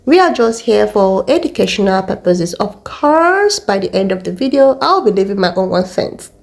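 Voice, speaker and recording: A woman's voice: mid-range voice, sing-song, normal speed, vocal fry, a little mellow. A woman hosting a commentary channel, reading an intro that calls her viewers lovelies in a sweet tone. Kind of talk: scripted video commentary.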